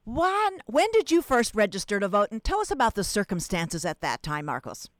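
A woman's voice: mid-range voice, sing-song, moderate pace, no echo. Chatty woman hosting a call-in radio show. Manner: chatty, rambling with restarts.

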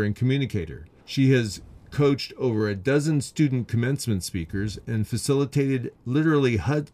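A man's voice: medium pitch, a little mellow. A man hosting a radio interview, who reads a prepared introduction and asks friendly questions. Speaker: radio show host, Toastmasters club president.

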